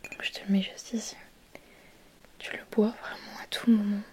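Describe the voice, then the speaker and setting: A woman in a whispered role-play, speaking in a soft, breathy whisper, quiet at night, gently soothing and reassuring the listener step by step. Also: mid-range voice, level tone, normal speed. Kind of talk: whispered role-play, ASMR bedtime pampering.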